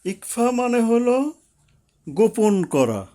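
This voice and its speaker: A man's voice: sits high, very animated, slow pace, mellow. A man teaching a lesson at a board, explaining each rule step by step and repeating it.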